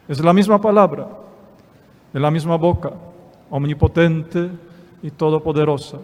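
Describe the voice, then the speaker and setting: A man gives a Sunday homily in a church, speaking very slowly, with a voice a little higher than most men's. He repeats phrases and poses rhetorical questions as he preaches. A long reverb trails each phrase. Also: darkish tone. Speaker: priest.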